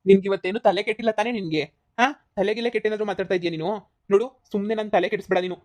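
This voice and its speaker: A woman voicing a short-tempered middle-aged husband, scolding rapidly in a cartoon comedy. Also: medium pitch, steady tone, a little mellow, close to an everyday voice. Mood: angry. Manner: scolding, rapid, repeats insults.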